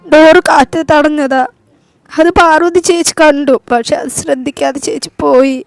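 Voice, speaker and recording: A woman's voice: high-pitched, steady tone, measured pace, a little mellow, dry recording, soft background music, pitched above the performer's own voice. A woman doing a frightened pleading young woman. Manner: pleading, anxious.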